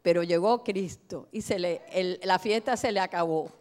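A middle-aged woman pastor preaching a sermon in a church, emphatic, moving between soft asides and loud declarations. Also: fairly low pitch, normal speed.

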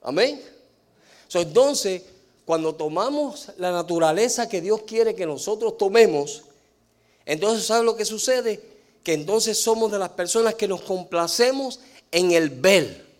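A man preaching a sermon, asking the congregation questions and answering them himself, slowing down to stress key words. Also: sits high, lively intonation. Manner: mixes in English fillers.

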